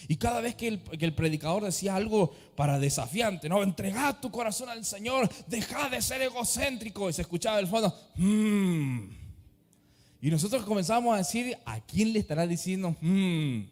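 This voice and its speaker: A man's voice: sits high, a little fast, hardly any pauses, big-room sound. A man with an Argentine accent preaching a sermon as pastor, acting out the voices of people in his stories.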